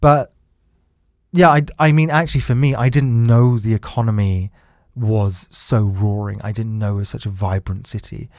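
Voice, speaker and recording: A man's voice: on the low side, steady tone, moderate pace, a little mellow, no echo, clean studio sound. A man in his thirties chatting casually, laughing often and restarting his sentences. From United Kingdom. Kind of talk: casual conversation.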